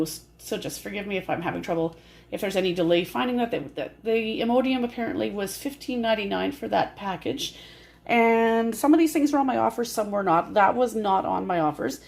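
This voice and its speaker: A woman with a breathy voice, short of breath from bronchitis, chatting casually in a rambling, explanatory way as an amateur vlogger filming on a handheld phone at home. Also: mid-range voice. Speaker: amateur grocery haul vlogger. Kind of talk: casual chatty haul narration. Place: indoors at home.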